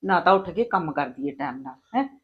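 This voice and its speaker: A woman's voice: lowish voice, big pitch swings, fairly quick, gravelly, slightly rough, dull audio, heavily acted. A woman playing a complaining, gossipy elder sister-in-law in a film drama scene. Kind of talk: short-film drama dialogue.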